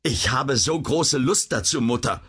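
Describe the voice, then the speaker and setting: A man voicing an earnest, hot-headed young man in a storybook, insistent and determined. His husky voice rides a little higher than plain speech, with lively swings of pitch. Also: unhurried, exaggerated voice.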